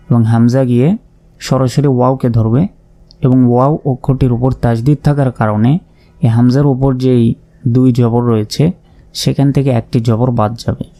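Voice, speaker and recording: A man's voice: medium pitch, warm tone. A man teaching Quran recitation, spelling out Arabic words letter by letter and explaining pronunciation rules patiently and methodically.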